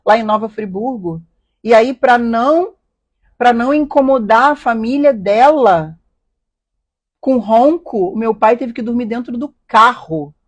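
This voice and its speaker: Hosting a live stream, a woman tells a personal story in an earnest, emotional, confessional way, frequently posing rhetorical questions. Her voice is on the high side, and she speaks at a measured pace.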